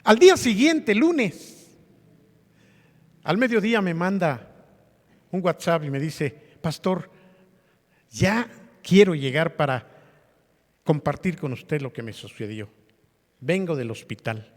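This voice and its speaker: A male pastor gives a sermon, talking with his congregation and throwing questions at them. His voice sits a little high for a man. The sound carries a long church-hall reverb. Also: lively intonation, unhurried, long pauses. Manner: conversational preaching with rhetorical questions to the congregation.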